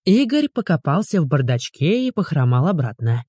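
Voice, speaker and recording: A woman reads an audiobook with lively, animated inflection and a mellow, warm timbre. The recording is close and dry, with no room sound. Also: low-pitched, moderate pace, husky, no room sound. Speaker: audiobook narrator. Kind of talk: audiobook narration.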